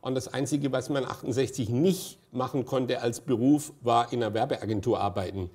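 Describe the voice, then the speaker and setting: A man's voice: mid-range voice, normal speed, a little mellow, breathy edge. Guy in his 60s telling stories in an interview, lots of ums, chuckles along, ordinary mid voice. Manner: rambling storyteller, many hesitation fillers. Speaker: interview guest, festival director. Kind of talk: anecdotal conversation on stage.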